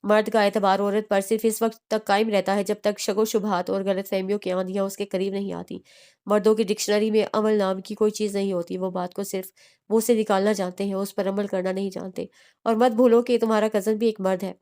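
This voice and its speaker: Audiobook narrator: woman, steady read of a romance novel, small restarts. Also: medium pitch, brisk, smooth. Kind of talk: reading a romance novel aloud.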